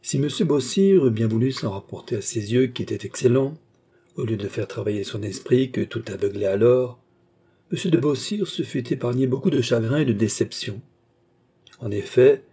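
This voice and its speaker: Husky, mellow male audiobook narrator. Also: mid-range voice. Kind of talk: scripted narration of a classic novel.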